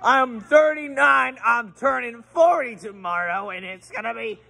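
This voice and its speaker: High bright teen boy, playful rambling. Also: unhurried, creaky. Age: teens. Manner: playful, rambling, mock-grumpy outbursts. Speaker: vlogger. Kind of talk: goofy improvised role-play. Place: covered outdoor school walkway. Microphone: phone held at arm's length.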